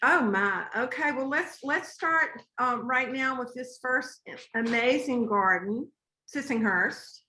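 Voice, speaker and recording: A woman's voice: high-pitched, takes it slowly, bright, forceful tone, reverberant. A woman host of a magazine talk, upbeat and playful, asking short questions and chiming in. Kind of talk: hosted conversation.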